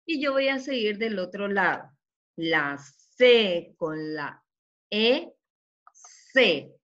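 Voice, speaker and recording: In a children's reading lesson, a woman with a medium-pitched, fairly bright voice sounds out each syllable slowly and deliberately. She is animated yet patient, often asking "¿sí?" to make sure the kids are following, and the recording sounds dull and lo-fi.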